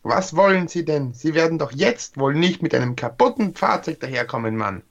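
A man voicing a grumpy, croaking robot speaking through an intercom in a text adventure game. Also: fairly high pitch, animated, moderate pace, highs cut off, voice pushed up. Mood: angry. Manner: angry, gruff, grumbling. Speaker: player reading a text adventure aloud. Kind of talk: reading game text aloud in a voice.

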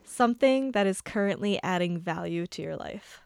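A woman's voice: fairly low pitch, animated, normal speed, creaky, a little mellow. A woman hosting an interview podcast, asking questions with brief, affirming replies. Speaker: podcast host. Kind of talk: casual interview chat.

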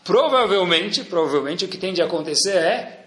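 A man's voice: a little high, animated, fairly quick, pushed and bright, echoey room. A man with a Brazilian accent giving a Torah lesson, asking rhetorical questions and acting out little dialogues. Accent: Brazilian Portuguese. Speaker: rabbi teaching Torah.

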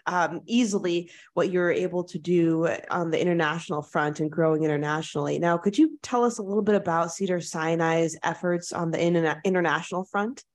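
A woman hosts a podcast interview with a slightly low voice. She introduces her guest and frames her questions in a smooth, upbeat manner. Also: fairly even intonation, a little fast, hardly any pauses. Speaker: podcast host. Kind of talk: interview hosting.

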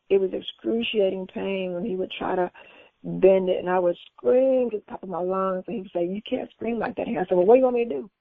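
A woman's voice: medium pitch, gravelly, no echo. A woman patient casually telling the story of her knee recovery, acting out what people said to her with vivid jumps in voice. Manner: animated, acts out quoted dialogue in a raised voice. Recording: tinny phone-line audio.

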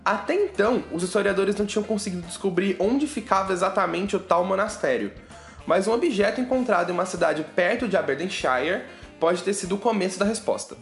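In a high, animated voice and at a fairly quick pace, a Brazilian-accented podcast host chats and jokes with listeners about science news. Faint music and a roomy echo fill the recording.

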